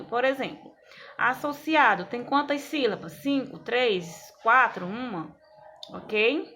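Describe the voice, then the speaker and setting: A woman's voice: fairly high pitch, fairly bright tone, slight background noise. A woman, a schoolteacher explaining exercises step by step and checking in with her students. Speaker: school teacher. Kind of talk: recorded class lesson.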